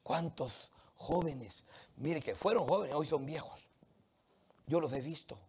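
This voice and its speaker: A man from Latin America preaching a sermon, animated and emphatic, with humorous anecdotes from the street. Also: a little high, slow pace, breathy edge.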